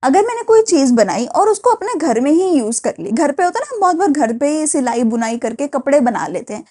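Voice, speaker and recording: Young Indian woman teacher, high mellow voice, lecturing with rhetorical questions. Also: big pitch swings, a little fast. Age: young adult. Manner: explains with many rhetorical questions and repeated checks with the class. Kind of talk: classroom lecture.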